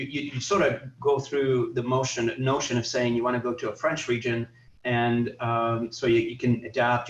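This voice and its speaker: A man's voice: medium pitch, dull audio, slight background noise. Lebanese-born man, roomy distant sound. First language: Arabic. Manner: rambling, many fillers and restarts. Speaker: podcast host. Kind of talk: casual conversation. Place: in Canada.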